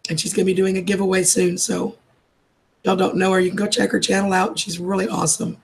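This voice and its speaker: Greeting viewers in a casual live chat, this streamer sounds gravelly because a cold is taking her voice. She speaks quickly at a medium pitch with a level tone. Warm and affectionate, she addresses everyone as darling or sweetheart.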